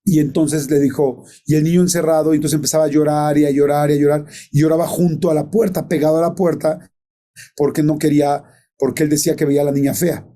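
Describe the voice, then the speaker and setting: A man's voice: on the high side, fairly even intonation, fast talker, dark tone. A man telling a ghost story in casual chat, rambling with many fillers and self-corrections.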